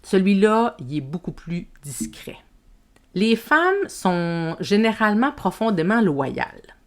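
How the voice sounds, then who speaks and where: Slow gentle Québécois woman coach. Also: mid-range voice, very animated. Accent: Québécois French. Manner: slow, gentle, addresses the listener as tu. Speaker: podcast host and women's coach. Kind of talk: reflective self-help monologue.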